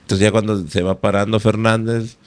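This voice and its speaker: Low-voiced podcast host. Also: male voice, level tone, normal speed. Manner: chatty, rambling anecdotes with frequent tag questions. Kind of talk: casual podcast interview.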